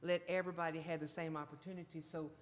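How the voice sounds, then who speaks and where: A woman's voice: deep voice, little pitch movement, quick pace, a little hiss or hum. A woman speaking plainly and firmly in a city council meeting. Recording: long reverb in council chamber.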